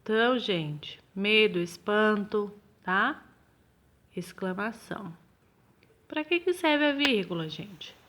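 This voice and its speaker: Lady teacher talking to little kids, slow and patient, keeps asking if they got it. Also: medium pitch, lively intonation, a bit bright, slight background noise. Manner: slow, patient explaining with frequent "tá bom?" checks. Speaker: primary school teacher. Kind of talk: recorded remote lesson for children.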